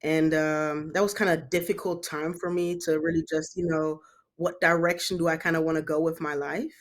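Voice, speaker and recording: A woman from Germany talks as a guest on a business podcast. She answers in a relaxed, conversational way, often pausing with "um" and "kinda". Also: sits low. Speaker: company CEO, podcast guest. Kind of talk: casual interview answers.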